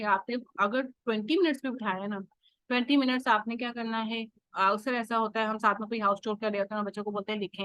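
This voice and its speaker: A woman with a fairly high voice leads a homeschooling workshop, explaining each step patiently to other parents. She moves easily between Hindi and English phrases as she teaches. The sound is dry and close, with no room echo. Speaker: homeschooling workshop host and mother. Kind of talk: instructional workshop talk.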